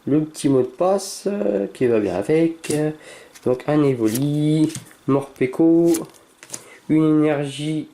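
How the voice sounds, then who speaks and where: A man casually commenting as he opens trading cards, reading names aloud, stumbling over words and breaking into excited cries while keeping his voice down. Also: slow pace. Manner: reads card names aloud, stammers, bursts into excited exclamations; holds back from shouting, keeps voice low at night. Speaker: YouTuber opening trading cards. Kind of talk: casual card-opening commentary.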